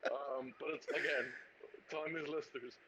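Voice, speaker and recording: A man's voice: a little high, fairly even intonation, moderate pace, background noise. A man chatting as a podcast guest, hesitant and restarting his sentences often. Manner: hesitant, many restarts and fillers. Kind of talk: casual podcast chat.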